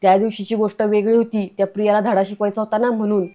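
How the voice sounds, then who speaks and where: A woman's voice: mid-range voice, flat delivery, fast, dark tone, natural voice. Woman reading as an irritated young daughter-in-law. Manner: curt and fed-up.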